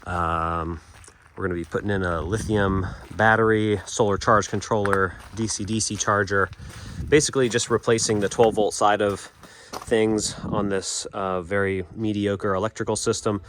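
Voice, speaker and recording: Bright-toned man showing his work. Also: on the low side, normal speed, a little hiss or hum. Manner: relaxed, with frequent fillers and restarts. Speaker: installer. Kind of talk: casual walkthrough of an installation.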